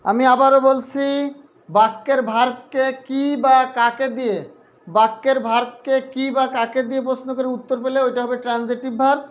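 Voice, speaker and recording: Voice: high voice, little pitch movement, moderate pace, muffled recording. A grammar teacher giving a live online class, patiently repeating each point and quizzing the students.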